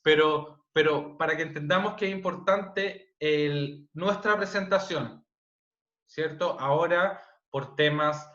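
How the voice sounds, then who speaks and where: A loud, bright, forceful Chilean man lectures students over a video call, punctuating his points with constant tag questions. His slightly high voice sounds roomy and dull, as if the mic sits in a bare room. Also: slow pace. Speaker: teacher. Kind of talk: online class lecture. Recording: dull, roomy online-class audio.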